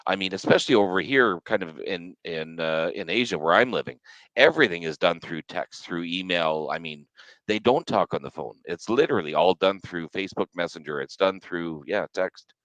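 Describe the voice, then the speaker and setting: A laid-back man in his late thirties talks in casual podcast chat. He is agreeable and swears now and then. His voice is very low-pitched and recorded close and dry. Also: moderate pace, a bit bright, no room sound, low-quality recording. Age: 30s. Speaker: podcast co-host.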